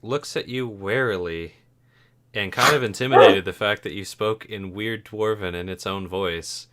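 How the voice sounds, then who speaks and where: A man's voice: fairly low pitch, moderate pace, heavy background noise. A man acting as game master, casually narrating and improvising a tabletop role-playing game.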